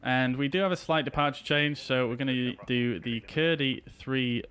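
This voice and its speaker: A man's voice: medium pitch, moderate pace, fairly bright tone. A man streaming a flight simulator as an airline pilot, giving casual running commentary and making his own radio calls.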